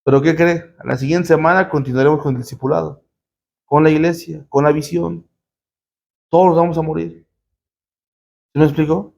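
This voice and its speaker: A man's voice: a little high, steady tone, normal speed, creaky, pauses often, darkish tone. A man preaching a sermon to a congregation as pastor, emphatic, with rhetorical questions and call-and-response. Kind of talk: sermon teaching.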